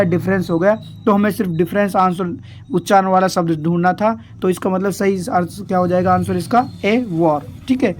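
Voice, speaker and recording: Over slight background noise, a man with a high, somewhat mellow voice revises for an exam with his class, patient and repetitive. Addressing the pupils as dear children again and again, he poses a question, pauses, then answers it, stretching English words and sentences out slowly bit by bit.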